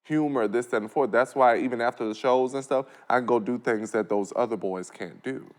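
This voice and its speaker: A man in his late twenties talks bluntly in a casual podcast conversation. He is animated and throws in jokes as he goes. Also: medium pitch, fairly quick. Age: 20s. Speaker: podcast guest. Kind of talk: casual chat.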